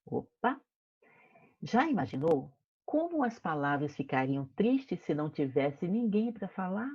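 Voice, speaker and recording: A woman's voice: on the low side, big pitch swings, unhurried, darkish tone, slightly rough, no room sound, dull audio. A woman teacher with a Brazilian Portuguese accent reads a children's story aloud to her class in an online lesson, playing with sound words. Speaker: primary school teacher.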